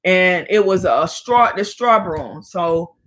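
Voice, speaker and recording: A woman hosting her own vlog, telling a personal story from childhood in a lively, colloquial way. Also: fairly low pitch, takes it slowly. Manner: lively, colloquial, acts out family members in quotes. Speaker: vlog host.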